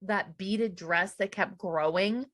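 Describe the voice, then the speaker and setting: A middle-aged woman co-hosting a podcast, chatting casually and acting out quotes with quick reactions. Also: medium pitch, a bit bright. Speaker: podcast co-host. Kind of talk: casual chat recapping a reality show.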